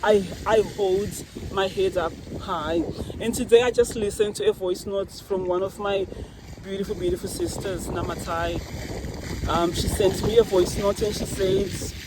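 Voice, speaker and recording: A woman's voice: medium pitch, fairly even intonation, unhurried. A woman giving an earnest, faith-filled personal testimony outdoors beside a fountain. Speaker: vlogger. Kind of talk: emotional personal monologue. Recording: noisy outdoor recording with water nearby.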